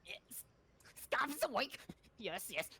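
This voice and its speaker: Skittish little ratfolk played by a woman, bright and swooping, stammers and repeats, eager tabletop character. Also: a little high, animated, slow pace, slightly rough, exaggerated voice. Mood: eager, puzzled. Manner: stammering, repeats words in clipped phrases. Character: small skittish eager ratfolk villager, humble. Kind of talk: tabletop role-play character voice. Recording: faint background noise.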